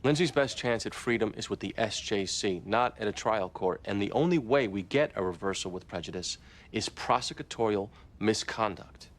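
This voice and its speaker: An actor playing a seasoned senior lawyer who coaches a younger colleague in a steady, measured, reassuring way. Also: male voice, on the low side, lightly acted. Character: calm seasoned male senior lawyer, mentoring. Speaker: senior defense attorney coaching a junior. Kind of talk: TV legal drama acting.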